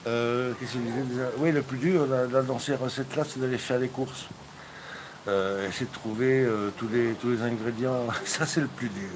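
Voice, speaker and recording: Through a phone mic with plenty of background noise, a man hosts a cooking live stream in a steady, mid-range voice at normal speed. He banters with viewers, jokey and rambling, constantly using fillers and restarting sentences.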